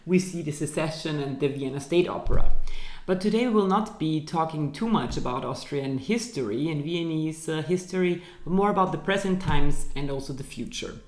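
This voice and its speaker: A woman's voice: low voice, moderate pace, a little mellow. Woman hosting an interview in an echoey office. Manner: friendly, careful, with fillers and restarts. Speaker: program director, interviewer. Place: university office.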